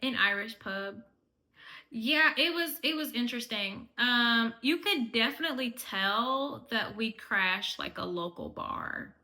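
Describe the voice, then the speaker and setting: Chatty woman travel vlogger with a crisp, bright voice, casual recap. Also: fairly high pitch, lively intonation, a little slow. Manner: chatty, fills speech with "like".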